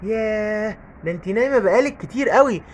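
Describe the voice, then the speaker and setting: A woman's voice: medium pitch, animated, fast, a little hiss or hum, lightly acted. A woman voicing a caring, jumpy father with an Egyptian Arabic accent, fussing and exclaiming. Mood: worried.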